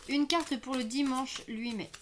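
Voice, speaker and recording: A woman's voice: high-pitched, a little slow, a little hiss or hum. A woman with a slight lisp on her s sounds, giving a casual card reading and thinking aloud as she goes, often hesitant. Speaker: online card reader hosting weekend guidance. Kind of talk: casual spoken tarot reading.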